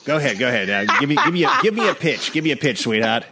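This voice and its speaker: A man voicing a brash cockney-style carpenter in an improvised comedy podcast sketch, loud and laughing. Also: medium pitch, expressive, rapid-fire, heavy background noise, natural voice. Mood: blustering. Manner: loud, laughing, mock working-class bluster. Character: brash cockney-ish male carpenter of the Eyrie.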